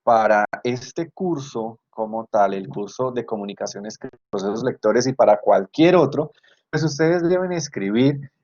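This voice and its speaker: A man's voice: mid-range voice, unhurried, a little mellow. A man with a Colombian Spanish accent, a university tutor who teaches in an online class and goes over student work. He explains step by step, repeats his points and checks that the class is following. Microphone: video call computer mic. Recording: slightly dull lo-fi call audio.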